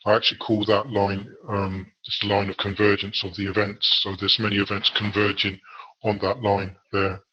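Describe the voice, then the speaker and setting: A man from England answers in an interview with a low, flat voice that barely rises or falls. He is measured and hesitant, filling pauses as he goes. The audio is dull and lo-fi. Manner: measured, hesitant with frequent fillers. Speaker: guest researcher.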